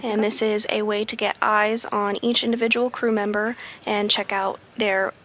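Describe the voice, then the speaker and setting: Even-toned woman giving live commentary. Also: medium pitch, moderate pace. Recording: faint background noise.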